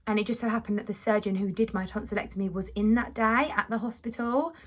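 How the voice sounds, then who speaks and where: A woman's voice: medium pitch, fast. A woman vlogger recounting her experience in a casual chat to camera.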